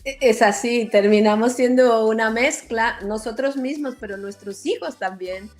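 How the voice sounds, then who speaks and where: A woman hosting an interview, giving short backchannels and unhurried prompts. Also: a little high, a little mellow, faint music behind. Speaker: host. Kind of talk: casual interview.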